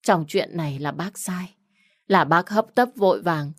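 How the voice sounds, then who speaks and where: A woman voicing a poor older village man who shouts curses at a neighbor, then wails and pleads in despair. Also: fairly low pitch, a little slow, dry recording, clean studio sound.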